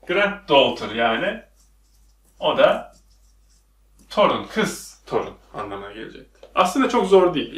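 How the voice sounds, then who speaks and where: A man's voice: on the high side, fairly bright tone, far from the mic. Man teaching in an echoey room. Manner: questioning, repeats and quizzes the viewer. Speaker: English teacher. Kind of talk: classroom lesson at a whiteboard.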